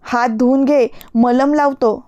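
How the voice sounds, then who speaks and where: A woman voicing a gentle young hero. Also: high-pitched, fairly even intonation, takes it slowly, no room sound, lo-fi sound. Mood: tender. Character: caring young man, calm and gentle hero.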